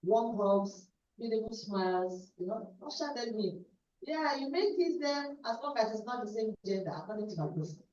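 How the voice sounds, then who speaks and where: A woman's voice: fairly high pitch, normal speed, a little hiss or hum. A woman with a Nigerian accent giving an effusive welcome speech at a club meeting. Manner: effusive, flattering. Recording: echoey hall, distant mic, dull sound.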